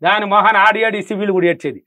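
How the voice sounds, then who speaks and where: A man's voice: sits high, steady tone, very fast, bright, forceful tone, no room sound. A man, a money affirmation coach speaking as an interview guest, emphatic and repetitive, quizzing his listener.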